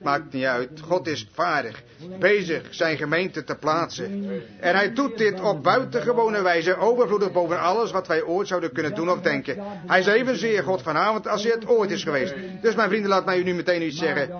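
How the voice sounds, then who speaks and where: A male preacher delivers a sermon with a high, ringing voice. He tells his story emphatically, moving between loud declarations and hushed passages. The recording is dull and lo-fi. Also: normal speed, crowd noise.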